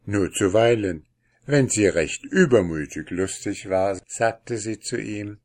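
A man narrating a fairy tale in a calm, measured reading. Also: lowish voice.

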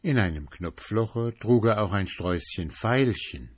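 A man reading a fairy tale aloud in a calm, measured way. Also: fairly low pitch. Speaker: narrator. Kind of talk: storybook reading.

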